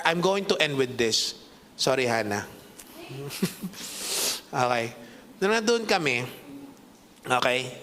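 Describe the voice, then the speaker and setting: A man with a Filipino accent preaching a sermon as pastor, telling stories in an animated way and switching between English and Tagalog. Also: medium pitch, big-room sound. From Philippines. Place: church hall.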